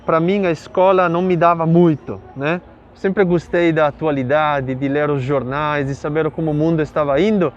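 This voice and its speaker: A middle-aged Italian man with an Italian accent speaks in a fairly high voice, unhurried and reflective. He is a priest who fills his talk with small pauses and tag questions. The sound is a little muffled, with faint city traffic behind him. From Italy. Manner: thoughtful, with fillers and tag questions. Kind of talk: interview answer, telling his story.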